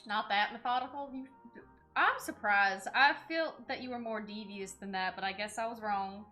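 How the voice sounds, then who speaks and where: A woman from North Carolina with a Southern accent she plays up, chatting casually on a live stream as she cooks in her kitchen, thinking out loud and answering viewers. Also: mid-range voice, normal speed, faint music behind. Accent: Southern US, exaggerated for a viewer redeem. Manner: chatty, answers chat and thanks followers, thinks aloud while working. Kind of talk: casual live-stream chat while cooking. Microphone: wearing headphones.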